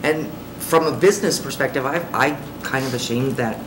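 A woman's voice: a bass voice, normal speed. A woman on a city council, blunt and frustrated, questioning a presenter. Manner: blunt, frustrated, plain-spoken. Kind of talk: questioning at a public council meeting. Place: large council chamber, seated at the dais. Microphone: desk microphone. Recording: echoey noisy council chamber.

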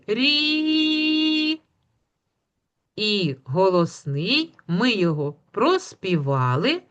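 Woman teacher, talks real slow for small kids, stretches sounds out, lots of praise. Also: medium pitch, fairly bright tone. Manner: slow, patient, drawing out sounds, praising often. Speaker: kindergarten teacher. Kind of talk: phonics lesson for young children.

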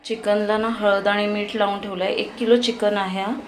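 A woman's voice: medium pitch, level tone, normal speed, background noise. A woman in her thirties from Maharashtra, chatting in a casual daily vlog from her home kitchen, with frequent hesitant fillers. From Maharashtra, India. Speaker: vlogger.

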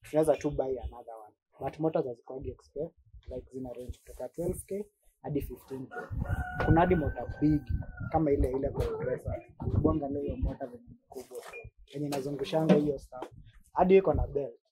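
The audio is poor as a Kenyan-accented man with a dark, husky, medium-pitched voice talks quickly, his pitch swooping wildly. He makes content and sells machines, chatting casually and demonstrating products in slang-heavy speech that mixes languages.

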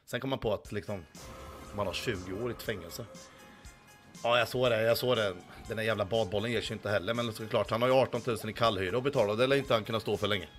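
Hoarse male streamer, crude boastful banter, faint music under him. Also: fairly low pitch. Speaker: livestreamer. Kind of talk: casual livestream chat, reading chat.

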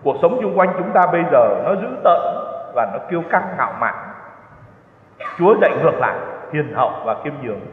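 Older male priest, a bit high-voiced, chatty storyteller, tinny phone-like sound. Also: sing-song, a little fast, slight background noise. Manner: chatty storytelling, chuckling at his own stories. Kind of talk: retreat sermon with personal anecdotes. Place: large church. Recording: echoey church hall, tinny lo-fi sound.

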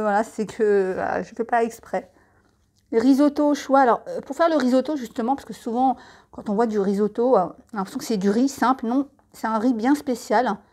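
A woman's voice: a little high, a little mellow. Chatty French woman reading prices. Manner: chatty, lists prices with asides and tips. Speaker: catalogue presenter. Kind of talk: casual product catalogue read-through.

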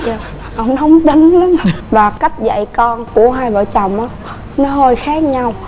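A woman with a Southern Vietnamese accent, a guest on a TV couples show, telling her family story quickly and earnestly in a studio. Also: on the high side, a little mellow, slight background noise. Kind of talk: emotional personal storytelling.

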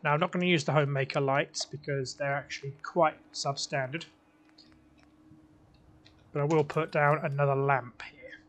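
A man's voice: on the high side, steady tone, normal speed, long pauses, a bit bright, a little hiss or hum. Chatty British man musing over a game build. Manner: chatty, musing, talks himself through choices. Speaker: let's play host. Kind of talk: casual gameplay commentary.

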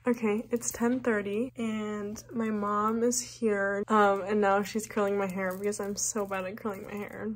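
A woman's voice: medium pitch, little pitch movement, unhurried, hardly any pauses, poor audio. A young woman chatting casually to her vlog in a girlish way, peppering her sentences with "like". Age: young adult. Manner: chatty, girlish, heavy use of "like". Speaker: vlogger, college student in sorority recruitment. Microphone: phone at arm's length or propped nearby.

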